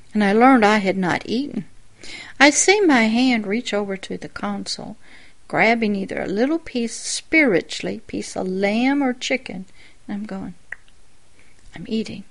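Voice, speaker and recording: A woman pastor giving a sermon-style personal testimony, telling the story in a reflective way with quiet asides. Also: on the high side, animated, moderate pace, creaky.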